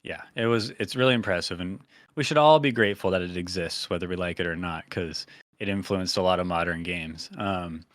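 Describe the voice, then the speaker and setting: A man hosting a podcast in casual chat, rambling with lots of fillers and getting animated when he tells a story. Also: low voice, brisk, no echo. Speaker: podcast host.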